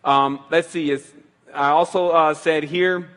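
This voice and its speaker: A man's voice: a little high, fairly even intonation, a little slow, a bit bright, in a large hall. A man hosting a call-in show, speaking in a loose, rambling way with many restarts. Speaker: radio show host taking calls. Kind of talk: casual call-in talk.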